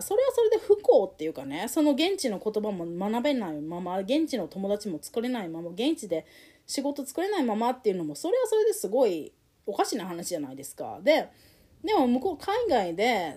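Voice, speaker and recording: A woman tells a personal story, her pitch swinging widely as she grows emotional. Her voice is mellow and soft-edged. She talks candidly and reflectively, with many fillers and pauses. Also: breathy edge.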